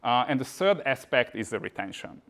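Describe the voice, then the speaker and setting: Gravelly man giving a talk. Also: medium pitch, big pitch swings, moderate pace, fairly bright tone. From Hungary. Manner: casual, frequent "uh" and "kind of" fillers. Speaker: conference speaker. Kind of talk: tech meetup talk. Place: meetup venue.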